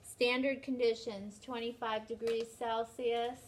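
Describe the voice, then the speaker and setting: A woman's voice: on the high side, little pitch movement, unhurried, a little hiss or hum. A woman with a New York accent teaching chemistry in a classroom, working problems step by step and urging her students to try them.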